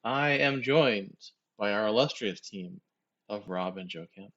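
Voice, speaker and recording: A man's voice: on the low side, measured pace, a bit bright. Male stream host, easygoing and jokey, explains rules plainly; slightly muffled, lo-fi stream audio. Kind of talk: casual game stream chat.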